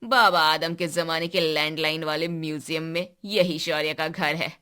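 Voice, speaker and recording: A woman voicing a teasing teenage boy in a cartoon story, loud and mocking. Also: low-pitched, fairly even intonation, normal speed, smooth.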